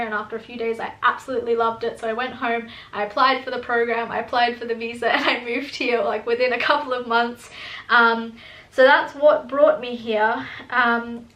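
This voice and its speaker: A young woman in her early twenties talks through viewer questions in a chatty vlog, laughing often and restarting her sentences. Her voice is high and bright, held in a narrow pitch range. The room around her is echoey. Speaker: student vlogger. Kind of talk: casual Q and A vlog.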